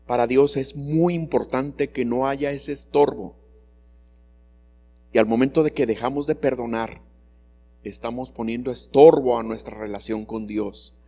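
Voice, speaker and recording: A man's voice: mid-range voice, fairly even intonation, unhurried, vocal fry, warm tone. A man preaching a sermon in a church, earnestly reading scripture verses and explaining them to his listeners, whom he calls brothers. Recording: long hall reverb with faint music.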